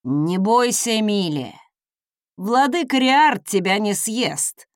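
A woman's voice: medium pitch, very animated, takes it slowly, no room sound, studio quality. A woman voicing a flustered male dragon ambassador in an audiobook, anxious and pleading. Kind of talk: audiobook character voice.

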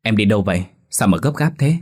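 A man voicing a puzzled village father just back home, asking gentle questions, in a spoken ghost story. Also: on the low side, expressive, fast. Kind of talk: horror story reading.

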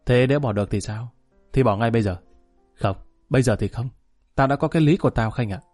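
A man voicing a proud, stubborn male gang boss who talks quickly and dismissively. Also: mid-range voice, a little mellow, faint music behind, close to an everyday voice. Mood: defiant.

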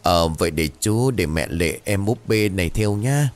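A man voicing a kind young uncle in a spoken ghost story, talking softly and coaxingly to a child. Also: deep voice, animated, moderate pace. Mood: gentle. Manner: soft, coaxing.

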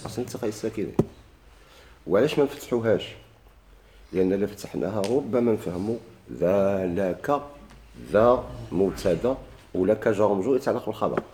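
A Moroccan man explains a grammar text to his class in a lowish, mellow voice. He keeps asking questions and answering them himself, and he repeats the key words. A faint hum sits behind him. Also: fast, pauses often. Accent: Moroccan Arabic. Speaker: grammar teacher.

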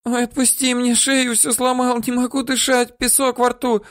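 A man's voice: very high-pitched, flat delivery, normal speed, fairly bright tone, no room sound, clean studio sound, voice pushed up. A man voicing a frightened, whimpering woman for an audiobook, her voice whiny, squealing and pleading. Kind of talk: audiobook character voice.

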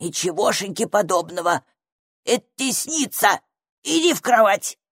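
A woman's voice: mid-range voice, big pitch swings, a bit bright, slightly rough, dry recording, clean studio sound, heavily acted. Woman doing a grumbling troll creature. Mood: grumpy. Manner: grumbling, slow and drawn-out. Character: grumpy squat male troll-like creature.

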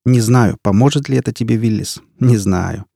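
A man's voice: mid-range voice, normal speed, creaky, warm tone, no echo, studio quality. A man voicing a hardened woman mercenary captain, commanding and curt in a storybook reading. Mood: grim resolve.

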